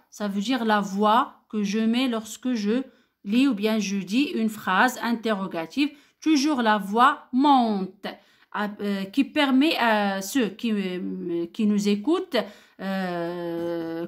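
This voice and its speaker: Slow patient teacher, Moroccan French woman. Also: fairly high pitch. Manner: slow, patient, repeats key words, rising question intonation. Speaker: primary school teacher. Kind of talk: grammar lesson to children.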